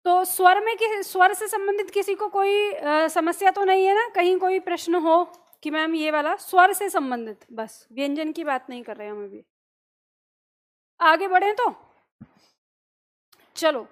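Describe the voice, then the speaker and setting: Her pitch is extremely high as this woman, a Hindi teacher, runs an online class. Step by step, she dictates notes slowly, posing questions to the students that she goes on to answer herself.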